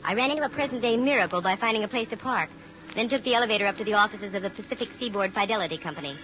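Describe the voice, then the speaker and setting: Candy Matson, sharp-witted radio private eye played by a woman. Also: medium pitch, very fast, lightly acted. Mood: wry, narrating. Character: sharp-witted, brisk young female private detective. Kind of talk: 1940s radio acting, first-person narration. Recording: muffled vintage radio recording. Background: music.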